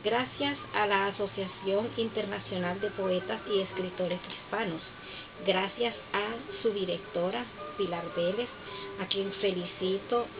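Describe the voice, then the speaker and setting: Honduran woman poet, measured and solemn, stage podium mic, muffled camera sound under loud music. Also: mid-range voice. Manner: slow, solemn and declamatory. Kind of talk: poetry recital speech. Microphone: podium mic, camera far off in the hall.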